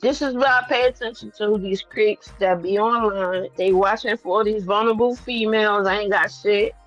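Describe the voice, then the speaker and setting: Female livestreamer, medium pitch. Candid, profane, emphatic repetition, faint music underneath. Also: moderate pace, dull audio. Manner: blunt, profane, repeats phrases for emphasis. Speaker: livestream host. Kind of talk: casual, candid livestream chat to viewers.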